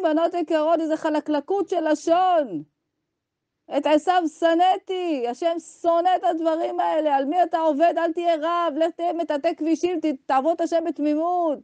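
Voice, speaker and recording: A woman's voice: very high voice, warm tone, no room sound. A woman teacher giving an impassioned Torah ethics lesson to women, arguing with rhetorical questions and acting out imagined dialogues.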